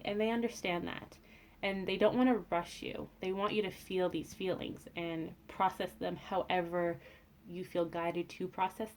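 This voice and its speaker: A woman giving a tarot reading in a casual, gentle and reassuring way, with frequent fillers and restarts. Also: mid-range voice. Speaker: tarot reader.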